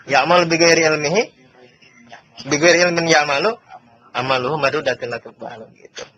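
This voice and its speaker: A man's voice: on the high side, steady tone, a little fast, bright, forceful tone. A man giving an informal Islamic lecture as a teacher, reading and explaining a classical text in a conversational way with rhetorical questions. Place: religious study gathering. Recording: muffled, noisy old amateur recording.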